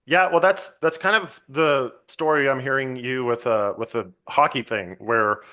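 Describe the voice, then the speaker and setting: Bright-voiced thoughtful male podcast host. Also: medium pitch, a little slow. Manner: reflective, thoughtful, laid-back. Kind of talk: casual conversation.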